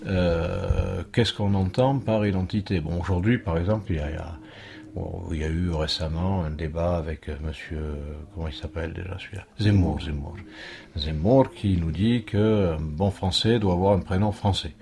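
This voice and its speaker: Hesitant low-voiced Frenchman, mellow tone. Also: normal speed, creaky. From France. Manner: hesitant, many fillers and restarts. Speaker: interviewed religious teacher. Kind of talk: thoughtful interview answer.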